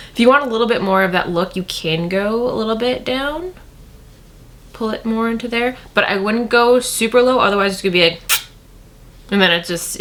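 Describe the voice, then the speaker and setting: A beauty vlogger with a fairly bright, slightly low voice chats casually through a makeup tutorial, often repeating words for emphasis, while faint music plays in the background.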